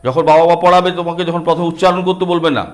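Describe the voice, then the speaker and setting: Man, middle-aged, Bengali accent, high voice, patient teacher tone, speaking to young kids. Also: level tone, quick pace, faint music behind. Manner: patient, talks directly to small children. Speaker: teacher and book author. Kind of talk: explaining a children's counting book.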